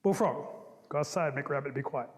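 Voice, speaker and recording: A man's voice: on the high side, brisk, long reverb tail, close to an everyday voice. A man voicing a stern male eagle who leads the animals' meeting in a told story. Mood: commanding. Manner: stern, commanding.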